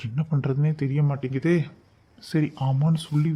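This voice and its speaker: A man voices a protective young cartoon sweetheart with a mellow, slightly raised voice. He speaks in an emphatic, pleading way, pressing for an answer. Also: fairly high pitch, steady tone, normal speed, close to an everyday voice. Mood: irritated. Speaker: voice actor. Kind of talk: cartoon voice acting.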